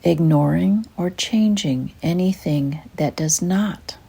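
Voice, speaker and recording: Her fairly low, husky voice is soft and breathy as this older woman narrates a guided meditation. She keeps it gentle, soothing and unhurried.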